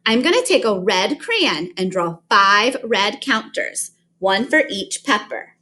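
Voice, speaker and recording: A woman's voice: mid-range voice, big pitch swings, takes it slowly, sharp tone. A woman teaching kindergarten math in a sing-song kids show host manner, speaking directly to children and counting along.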